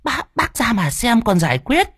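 A man's voice: very high voice, big pitch swings, moderate pace, fairly bright tone, husky, dry recording, studio quality, pitched above the performer's own voice, exaggerated voice. A man voicing a panicked village woman who stammers and gasps as she calls for help. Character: panicked shrill village woman, breathless and loud.

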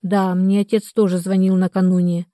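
A woman's voice: medium pitch, flat delivery, moderate pace, warm tone, no echo, studio quality, lightly acted. A woman reading the part of a grown, pregnant daughter who answers curtly, in an audiobook. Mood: subdued.

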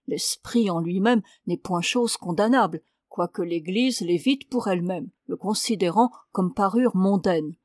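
A solemn, fussy old abbé giving counsel from the confessional, measured and gently reproving, as a woman reader voices him. The reading sits close and dry, in a middle register. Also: mid-range voice, no echo, close to an everyday voice. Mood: sermonizing. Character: elderly male abbé, stern yet fussy confessor.

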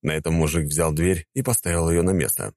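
A man narrating an audiobook in a calm, wry, laid-back manner. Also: sits low, brisk, no echo, clean studio sound.

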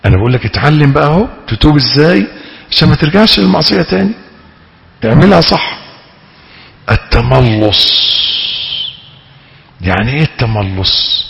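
A male Egyptian sheikh teaches a religious lesson in a large hall, with a long echo trailing each phrase. His pitch leaps and falls all over the place as he acts out pleading prayers, then drops low to explain. It is a lively, dramatic delivery. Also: moderate pace, creaky, pauses often. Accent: Egyptian Arabic. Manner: animated, dramatic, rising to loud pleading emphasis. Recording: reverberant hall.

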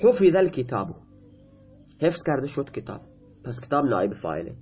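A man's voice: medium pitch, very animated, slightly rough, lo-fi sound. A man teaching Arabic grammar in Persian, reading lines of text aloud and then explaining them patiently, repeating his examples.

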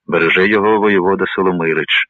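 A man reading a calm young warrior. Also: low-pitched, fast, no echo, lightly acted. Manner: calm, steady speech. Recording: dry, narrow phone-like sound.

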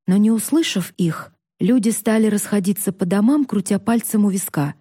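A woman narrating a fantasy story in a steady, measured storytelling voice. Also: mid-range voice, slightly rough, no echo, clean studio sound. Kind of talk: expressive fantasy audiobook reading.

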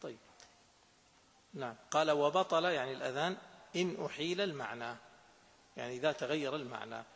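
A man's voice: medium pitch, fast talker, creaky, a bit bright. A man, a sheikh explaining a religious law text to students in a lesson and often checking that they understand. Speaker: sheikh teaching a fiqh text. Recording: echoey hall, faint background noise.

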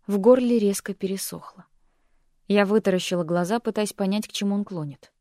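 A woman narrating a first-person romance novel in an expressive, even storytelling way. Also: mid-range voice, brisk, no room sound, studio quality. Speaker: audiobook narrator.

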